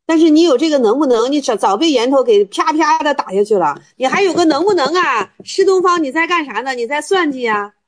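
Higher-pitched woman teaching Zen koans. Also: animated, brisk, hardly any pauses. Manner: teasing, rhetorical questions, storytelling. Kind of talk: explaining Buddhist koans to students.

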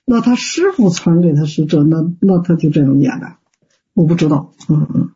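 A man's voice: on the high side, animated, moderate pace, mellow, breathy edge. A man teaching Buddhist practice in an online Q&A, plain-spoken and folksy, full of fillers and rhetorical questions. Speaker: Buddhist teacher answering students. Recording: dull lo-fi call audio.

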